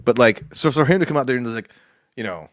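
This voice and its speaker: A man's voice: medium pitch, expressive, fast talker, fairly bright tone, no echo, clean studio sound. A man co-hosting a podcast, rambling in casual chat and laughing often. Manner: rambling, laughs often, quotes people in put-on voices. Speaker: podcast co-host.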